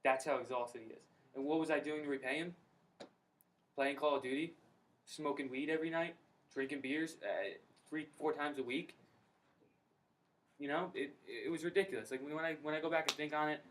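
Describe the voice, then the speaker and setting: A young man giving an energetic, slangy personal testimony at a recruiting meeting in a college room. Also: a little high, fairly quick, pauses often. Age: young adult. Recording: distant mic, faint background noise.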